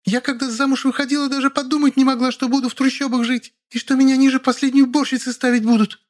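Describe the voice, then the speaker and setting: A male narrator plays a screeching young wife in a storybook, her voice pitched far above his own. She wails every complaint at full tilt, hysterical and shrill. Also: little pitch movement, fast. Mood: shrieking furious. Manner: screeching, wailing accusations.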